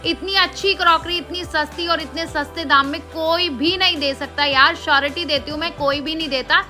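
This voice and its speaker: A woman's voice: high voice, bright, forceful tone. A woman talking through a casual shopping vlog in a chatty, enthusiastic, salesy way. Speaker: shopping vlogger.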